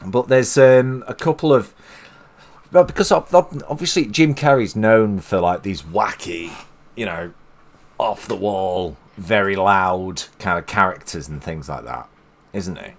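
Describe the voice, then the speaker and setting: Speaking a little slowly in a low voice, the English live stream host keeps up rambling, casual chat, peppered with fillers and frequent restarts.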